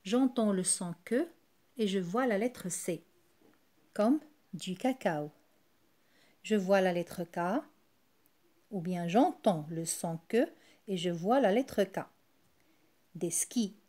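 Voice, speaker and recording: A woman's voice: mid-range voice, animated, takes it slowly, long pauses, warm tone. A woman teacher giving a recorded reading lesson to young children, patiently sounding out syllables and words one at a time. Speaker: primary school teacher.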